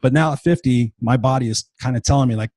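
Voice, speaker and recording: A man's voice: medium pitch, fast talker, darkish tone, a little hiss or hum. A man in his fifties hosting a motivational podcast, talking bluntly and with profanity in an unscripted monologue while tired and unwell. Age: 50s.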